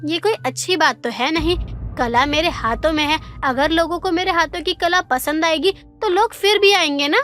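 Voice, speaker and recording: A woman voicing a patient, polite young tailor in a cartoon story, speaking gently and respectfully. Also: very high-pitched, normal speed. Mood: reassuring.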